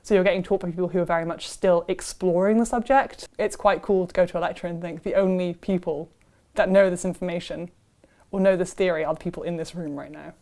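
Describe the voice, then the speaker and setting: A young woman with a slightly low voice speaks in an interview. She sounds thoughtful and earnest as she describes student life. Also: fairly even intonation, quick pace, warm tone. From South Wales. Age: young adult. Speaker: university student. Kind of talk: casual interview testimony.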